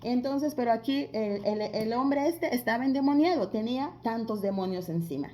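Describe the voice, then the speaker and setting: A woman teaching a devotional Bible lesson in a conversational way, asking listeners rhetorical questions and pausing on filler sounds. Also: fairly high pitch, warm tone. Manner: frequent filler pauses.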